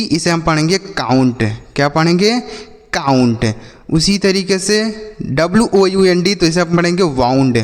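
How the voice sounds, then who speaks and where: A man's voice: fairly high pitch, in a large hall. A male English teacher giving a phonics lesson to children, spelling words letter by letter and then asking and answering his own questions. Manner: addresses viewers as dear brother and children.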